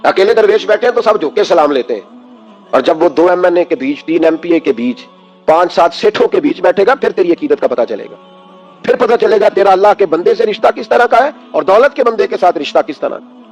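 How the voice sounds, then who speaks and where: A man's voice: sits high, animated, darkish tone, lo-fi sound, faint music behind. A man preaching an emotional sermon, impassioned, firing rhetorical questions at his listeners.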